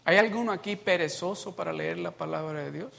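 A preacher delivering a sermon, asking the congregation questions, repeating phrases for emphasis and swinging between loud and hushed passages. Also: medium pitch, brisk, gravelly.

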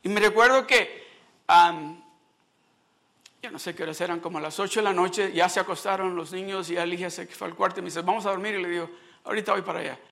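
Man, high voice, gravelly, middle-aged, preaching testimony, switching into English phrases. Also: fairly even intonation, quick pace, bright, forceful tone. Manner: storytelling, mixing in English phrases. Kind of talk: sermon testimony.

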